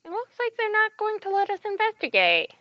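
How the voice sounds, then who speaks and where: A woman's voice: very high voice, huge pitch swings, brisk, a little hiss or hum, pitched above the performer's own voice, heavily acted. A woman voicing an eager, naive young female sidekick in a video game, on a slightly dull recording. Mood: disappointed. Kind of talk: amateur video game voice-over.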